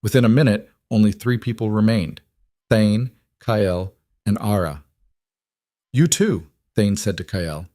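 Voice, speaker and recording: A man giving scripted story narration in an even, dramatic storytelling manner. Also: fairly low pitch, unhurried, dry recording, clean studio sound.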